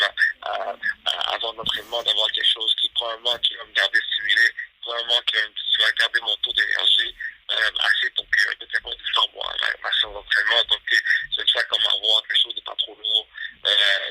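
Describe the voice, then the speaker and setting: A man's voice: lowish voice, little pitch movement, a little fast, pushed and bright, slightly rough, no echo. A man, a fitness coach answering interview questions over the phone, repeating himself and tagging lines with "right?". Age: 30s. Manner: repetitive, peppers talk with "right?". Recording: phone line.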